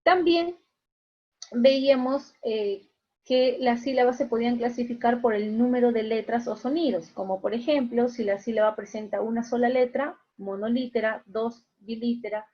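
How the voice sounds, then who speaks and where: Woman teacher, higher voice, patient and repetitive, dull video-call sound. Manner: patient, repeats key points with checking tags. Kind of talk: online class lecture. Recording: muffled video-call audio.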